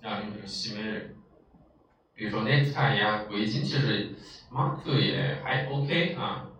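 A man's voice: lowish voice, measured pace, fairly bright tone, slight background noise. Lecturing man in an echoey room. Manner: explains patiently, many filler "ah"s. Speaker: Japanese language teacher. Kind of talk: vocabulary lesson lecture. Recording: echoey, distant, dull lo-fi room.

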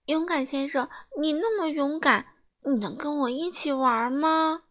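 A woman's voice: very high voice, steady tone, slow, a bit bright, pitched above the performer's own voice, full character voice. A woman voicing a lonely young acrobat lady in a children's storybook, speaking in a whimpering, pleading way. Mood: tearful.

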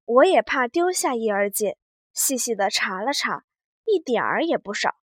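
A woman voicing a clever, sharp-tongued young maidservant in a read-aloud classic novel, talking in a teasing, sly way. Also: on the high side, big pitch swings, normal speed, husky, dry recording, studio quality.

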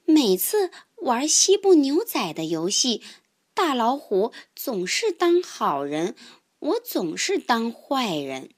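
Woman storyteller for kids: high, very lively voice, slow and expressive. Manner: expressive first-person narration with sighs. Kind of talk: children's storybook reading.

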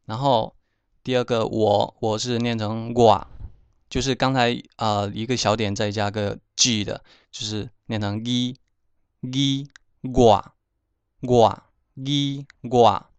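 Male language teacher, patient and repetitive, smooth resonant voice with a touch of fry. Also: on the low side, flat delivery, no echo. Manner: slow, repeats words for learners. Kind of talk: explaining vocabulary pronunciation.

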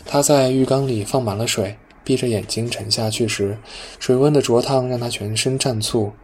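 A man narrating a novel as an audiobook, calm and even. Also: mid-range voice, moderate pace, a little hiss or hum.

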